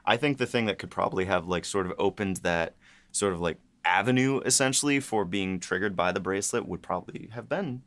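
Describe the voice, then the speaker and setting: A man who writes and co-hosts a podcast leads a casual behind-the-scenes discussion in a low, fairly bright voice. His speech is halting, with repeated words and lots of filler phrases.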